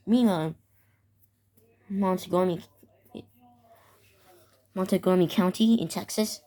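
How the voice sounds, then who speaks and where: A teenage or young adult woman, an amateur video creator, narrates a fictional emergency alert scenario, improvising and reading out weather warnings while stumbling over and repeating words. Her voice is fairly low and slow, with loud music behind it.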